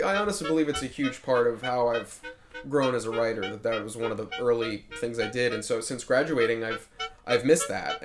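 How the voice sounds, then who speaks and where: Young man, interviewee; mid-pitched, measured, reflective. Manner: thoughtful, measured, with fillers. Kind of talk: casual interview.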